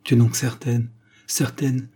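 Man doing a cautious young lover from an old book, calm and questioning, low and husky. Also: unhurried.

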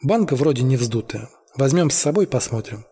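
A man voicing a stern, cautious young leader who gives firm orders, in a husky voice. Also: mid-range voice, animated, brisk, warm tone, in a large hall. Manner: firm, commanding.

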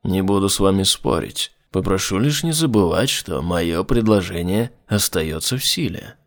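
A man reading aloud, voicing a suave male demon envoy in a put-on deep voice with slow, smooth, politely mocking speech. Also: expressive. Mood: amused. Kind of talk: audiobook reading.

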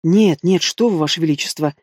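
A man's voice: on the high side, brisk, darkish tone, no echo, clean studio sound, close to an everyday voice. Anxious middle-aged counselor, read by a male narrator; flustered, deferential.

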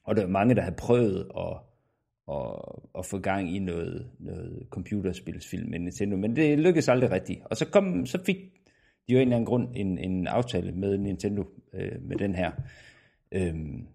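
Low gravelly danish guy going over a movie plot, lots of ums and restarts. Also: warm tone. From Denmark. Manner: hesitant, many fillers and restarts. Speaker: podcast co-host. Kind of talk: casual film recap.

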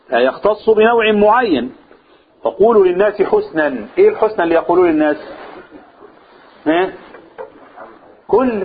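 A man with an Egyptian accent explains a religious text to a class. He often stops to ask his listeners questions and repeats key phrases. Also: high-pitched. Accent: Egyptian Arabic. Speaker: religious teacher. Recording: tinny phone-like, husky sound.

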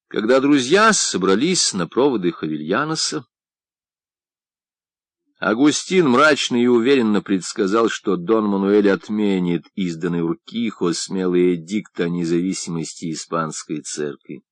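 A man narrating a literary novel in an expressive, dramatic reading style. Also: on the low side, measured pace, no echo. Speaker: audiobook narrator.

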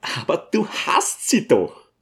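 A man's voice: on the high side, huge pitch swings, slow, a bit bright, voice pushed up, heavily acted. A man voicing a pushy, scheming male guest who talks brusquely and insistently.

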